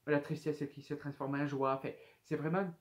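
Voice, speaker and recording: Reading viewer questions in a relaxed FAQ video, the young YouTuber, aged twenty-one, hesitates often and fills gaps with fillers. He talks fairly quickly in a level, rather high voice.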